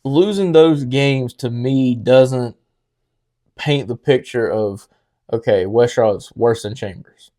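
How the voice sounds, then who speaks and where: A man's voice: mid-range voice, slow pace, dark tone. A man co-hosting a sports podcast, arguing his opinions on rankings with confidence. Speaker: podcast co-host. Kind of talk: casual sports talk.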